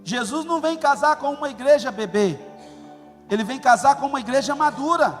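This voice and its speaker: High-voiced middle-aged pastor guy, preaching hard with big stresses, long church hall echo. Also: brisk. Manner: emphatic, animated preaching with sudden loud stresses. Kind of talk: sermon. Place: church auditorium. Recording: long hall reverb, faint music.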